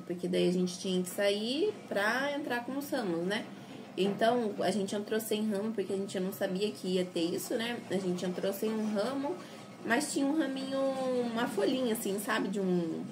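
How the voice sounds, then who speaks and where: A woman's voice: medium pitch, moderate pace. Young woman, Brazilian accent, casual personal testimony, chatty and rambling, noisy recording. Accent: Brazilian Portuguese. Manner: chatty, rambling, full of tag questions. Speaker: convert telling her story. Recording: noisy background. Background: noise in the background.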